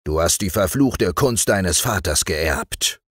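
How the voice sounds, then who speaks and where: A man's voice: low voice, expressive, slow, dry recording, studio quality, heavily acted. A man voicing a harsh, sneering ship captain in a told story. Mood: stern. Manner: stern, sneering. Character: stern harsh ship captain, grown man, cruel and mocking.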